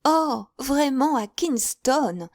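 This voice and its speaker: A woman's voice: high-pitched, lively intonation, drawn-out words, darkish tone, no room sound, studio quality, voice pushed up, exaggerated voice. A woman voicing a chattering, effusive older spinster who gushes in breathless run-on talk. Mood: gushing.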